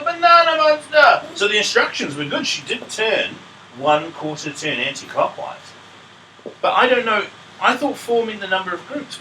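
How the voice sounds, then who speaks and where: A man's voice: high-pitched, sharp tone, distant mic, a little hiss or hum, rough recording. A male teacher, telling a playful story in a maths lesson and feigning confusion to draw out his pupils. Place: classroom.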